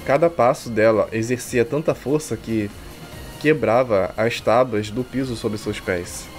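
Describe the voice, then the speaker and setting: A Brazilian man reads a visual novel on stream, mixing in cheeky, slang-filled commentary while game music plays. His mid-range voice moves a little slowly.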